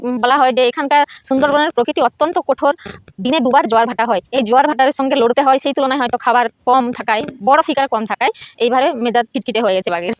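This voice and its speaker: A woman's voice: high-pitched, a little hiss or hum, poor audio. A woman, hosting an informational video and explaining things directly to her viewers. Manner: rapid explanatory delivery addressing viewers directly. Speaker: channel host.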